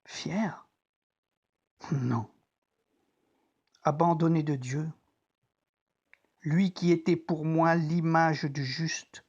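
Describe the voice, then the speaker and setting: An actor playing a troubled, conscience-stricken Roman centurion, reflecting deliberately in a dramatic biblical monologue as if talking to himself. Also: medium pitch, steady tone, darkish tone, lo-fi sound. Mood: shaken, awed. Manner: introspective, deliberate, theatrical.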